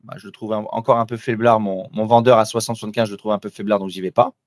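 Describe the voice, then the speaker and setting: A man's voice: fairly low pitch, flat delivery, fast talker, no echo. A man doing live trading commentary, talking informally and directly to the listener with frequent restarts. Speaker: trader presenting a live trading demo.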